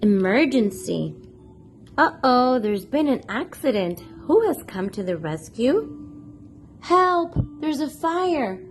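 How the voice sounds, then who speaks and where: High-pitched and slow, with big swings in her intonation, a woman reads a picture book expressively as host of a children's read-aloud channel. Along the way she puts questions to her young audience.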